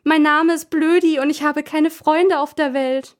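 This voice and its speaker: A woman voicing a rowdy young boy who taunts and shouts in a mocking voice. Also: very high voice, little pitch movement, takes it slowly, pitched above the performer's own voice.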